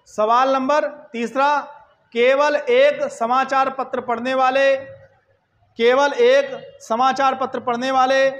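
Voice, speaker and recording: A man teaching an exam-prep math lesson, repeating each point and checking in with quick questions to his listeners. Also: very high-pitched, fairly bright tone, low-quality recording.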